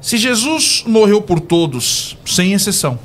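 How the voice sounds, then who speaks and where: A Brazilian man moderating a theological debate, calming the speakers and keeping order with soothing repetitions. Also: sits high, a little slow, slight background noise. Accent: Brazilian Portuguese.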